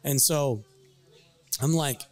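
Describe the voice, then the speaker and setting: A man casually telling a story on a podcast, animated, swearing freely and acting out what people said. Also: medium pitch, slow, faint music behind. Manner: animated, swears freely, acts out quoted lines. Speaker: podcast storyteller, bar worker.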